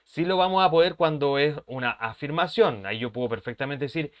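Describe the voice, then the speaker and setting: A man's voice: fairly high pitch, brisk. A man, an English teacher who explains patiently, repeats his points and keeps checking that his students follow. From Chile. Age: 30s. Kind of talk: language lesson explanation.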